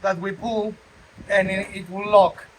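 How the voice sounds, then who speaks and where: Man, high-pitched, informal DIY demonstrator, joking and checking in often, phone video with faint noise. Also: level tone, a little slow, low-quality recording. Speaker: co-host demonstrating a DIY repair. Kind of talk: casual how-to chat.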